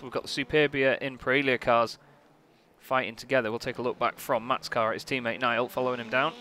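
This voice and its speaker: Male motorsport commentator, bright forceful voice, casual live race calls, faint engine noise behind. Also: medium pitch. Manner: motorsport commentator delivery, excitable at incidents, casual and chatty. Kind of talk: live race commentary on an online sim racing event. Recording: noisy, car engine sound behind. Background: racing car engines.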